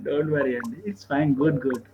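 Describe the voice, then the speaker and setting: A man's voice: fairly high pitch, steady tone, rapid-fire. A man with a South Indian Andhra accent and Telugu as first language teaches problems informally in an online lesson, mixing Telugu into his English. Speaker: physics teacher. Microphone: video call. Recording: muffled video-call audio, background noise.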